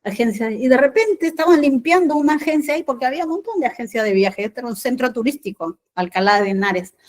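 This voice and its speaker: A woman's voice: sits high, lively intonation, quick pace. An Argentine woman preaching a sermon, telling a personal story and acting out the dialogue with animation. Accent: Argentine Spanish.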